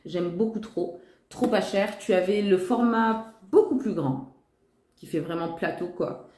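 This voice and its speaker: With a medium-pitched, dark-toned voice and an unhurried delivery, a woman talks directly to her viewers in a casual haul vlog. She gushes with enthusiasm, repeating "trop" and "magnifique," in an echoey room.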